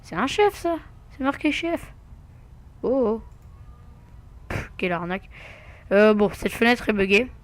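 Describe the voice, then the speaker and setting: A man's voice: high voice, sing-song, measured pace, pauses often. A man giving casual gameplay commentary, muttering to himself with asides and mild swearing. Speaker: let's play gamer.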